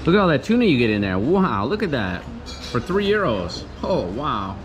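A man's voice: medium pitch, sing-song, moderate pace, music in the background. A man in his thirties filming a casual travel vlog at a seaside restaurant, enthusiastic and saying wow a lot, with the camera held at arm's length. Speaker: travel vlogger. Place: seaside restaurant and promenade, indoors and out. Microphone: handheld action camera at arm's length.

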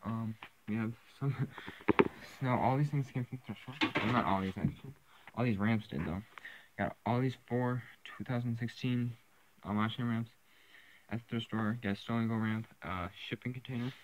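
A man's voice: mid-range voice, normal speed, a little hiss or hum, low-quality recording. A man casually showing off his toy haul in a vlog, rambling with lots of fillers, filming the toys on a floor indoors. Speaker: toy collecting vlogger. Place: indoors, camera pointed at toys on a carpeted floor.

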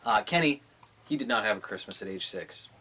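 A man in his twenties, drunk, hosting a podcast with crude, deadpan jokes in an irreverent casual chat. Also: on the low side, fairly quick, husky. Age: 20s. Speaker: comedy podcast host. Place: small indoor studio with green backdrop. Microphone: large desktop studio microphone.

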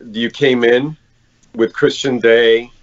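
A man's voice: medium pitch, steady tone, slow pace, highs cut off. A man hosting a podcast, praising his guest and often repeating words as he gathers his thoughts. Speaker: podcast host. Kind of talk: casual podcast chat. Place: at someone else's home, not his own.

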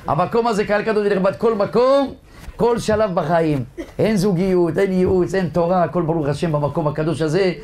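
A male rabbi giving a humorous sermon, telling jokes and stories to his congregation. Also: high-pitched. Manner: lively joke-telling storyteller addressing a congregation.

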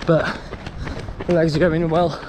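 Higher-voiced English man talking while running. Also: level tone, measured pace. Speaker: running vlogger. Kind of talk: casual vlog talk to camera. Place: outdoors on a town road during a race. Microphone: action camera at arm's length. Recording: noisy outdoor street with traffic.

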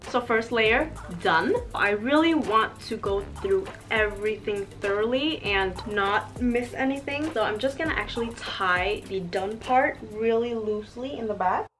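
A woman's voice: fairly high pitch, a little slow, hardly any pauses, a bit bright. A young woman in her twenties chatting casually while she styles her hair, recorded indoors in her living room by a camera in front of her. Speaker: beauty vlogger. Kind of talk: hair tutorial. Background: background music.

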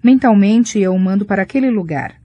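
A woman narrating a first-person romance audiobook in a soft, reflective way. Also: mid-range voice, lively intonation, fairly quick, highs cut off.

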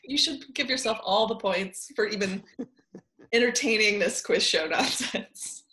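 Giggly female co-host reading quiz clues, unhurried, bright tone. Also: mid-range voice. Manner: giggly, laughs often between clues. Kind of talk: casual podcast game banter.

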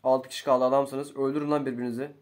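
A young man, commentating his own gameplay casually, slangy and excitable, swinging between low muttering and loud outbursts. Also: rapid-fire. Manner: slangy, swears often. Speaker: gaming YouTuber.

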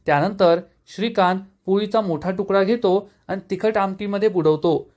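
Guy recapping a tv serial episode, steady storyteller, high voice. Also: normal speed. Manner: steady storytelling, quotes read plainly. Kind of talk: scripted episode recap narration.

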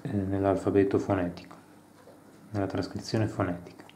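A man reading a French lesson dialogue aloud slowly and carefully, translating it line by line with quick asides. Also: deep voice, level tone, warm tone, roomy sound, a little hiss or hum. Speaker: language learner reading a course aloud.

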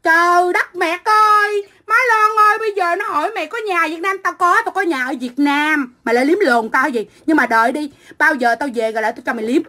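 A middle-aged woman from Vietnam, ranting into her phone on a livestream. Her voice sits high and cuts bright and sharp as she hurls foul-mouthed, combative insults. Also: fast talker, few pauses. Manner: profane, combative, shouting insults. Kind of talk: angry livestream rant.

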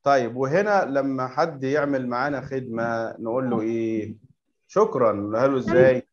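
A man with an Egyptian Arabic accent teaching English to young pupils in an online class, patiently correcting them and repeating words slowly for them to echo. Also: medium pitch, fairly even intonation, lo-fi sound. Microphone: video call.

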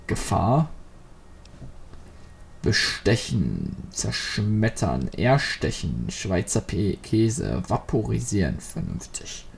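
A man hosts a Let's Play and rambles through jokey commentary as he plays. His voice sits low and gravelly. He talks slowly, with a lot of swing in his pitch. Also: big pitch swings, slight background noise. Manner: rambling, jokey free association. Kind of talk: joking gameplay commentary.

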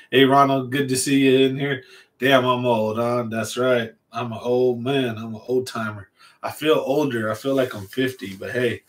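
A forty-year-old man rambles through a casual fishing livestream, answering viewers as he goes. He speaks at an ordinary pitch, close to a large studio mic in a small, cluttered room at home. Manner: rambling, laid-back, reads and answers chat. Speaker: fishing channel host. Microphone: large studio mic on a stand in front.

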